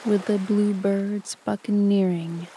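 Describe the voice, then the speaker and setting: Soft, flat-toned woman reading poems slowly. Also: medium pitch, noisy background. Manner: soft, calm and even. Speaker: sleep story narrator. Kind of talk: soft, slow poetry reading for sleep. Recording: voice over a loud ambient ocean bed. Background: ocean ambience.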